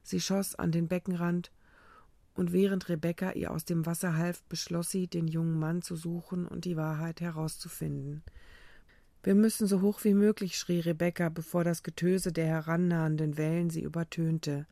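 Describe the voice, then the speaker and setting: A narrator reading a dramatic story aloud in a steady, even way. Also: medium pitch, normal speed, vocal fry, dry recording. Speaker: audiobook narrator. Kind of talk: scripted narration.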